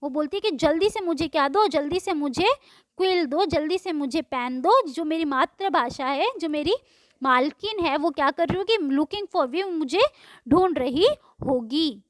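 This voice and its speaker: Recorded dry, a high-pitched woman teacher explains a poem line by line. Each English line is read slowly, then explained in Hindi, as she asks her own questions and answers them.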